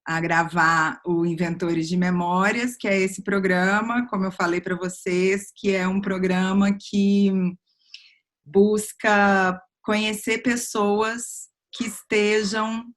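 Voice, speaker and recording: A woman opens an interview at a very slow, deliberate pace. She leaves pauses between her phrases and fills them with small, soft fillers. Her pitch sits in the middle of the range. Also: flat delivery. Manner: unhurried, with frequent pauses and fillers. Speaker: host. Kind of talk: slow, thoughtful interview introduction.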